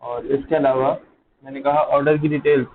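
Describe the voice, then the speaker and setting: A man's voice: medium pitch, level tone, brisk, narrow, tinny audio. Man, coding teacher, live online lecture, talks while typing, thin call-line audio, faint hiss. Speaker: programming teacher. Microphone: close mic, dull over an online call.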